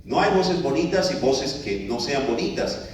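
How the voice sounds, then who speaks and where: A man speaks live to an audience at a medium pitch, with lively intonation, a moderate pace, and a slightly mellow tone. His delivery is conversational, full of filler words and restarts. The room is echoey and the mic picks him up from a distance.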